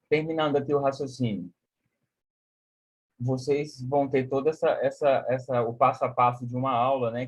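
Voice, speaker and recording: A man's voice: medium pitch, darkish tone, husky, highs cut off. A man giving a live online music lesson, explaining concepts with many "né?" and singing solfège syllables. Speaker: music teacher. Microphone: video call.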